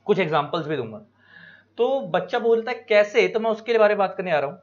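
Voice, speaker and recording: High-voiced Indian man teaching a lesson. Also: lively intonation. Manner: explains slowly with examples, stretches key words. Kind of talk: classroom lecture to students. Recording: dull lo-fi recording.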